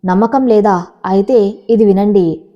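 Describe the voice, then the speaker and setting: A woman's voice: mid-range voice, highs cut off, close to an everyday voice. A woman reading as a firm, composed young wife. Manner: firm, measured.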